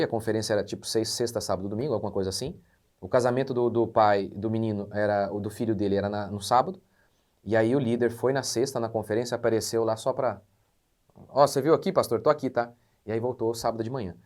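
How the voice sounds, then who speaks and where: A Brazilian pastor speaks in a fast, animated way, his pitch leaping about as he tells church stories. He often restarts mid-sentence and piles up clauses. The tone is conversational commentary rather than a sermon. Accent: Brazilian Portuguese. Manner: animated storytelling with frequent restarts. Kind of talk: casual commentary monologue.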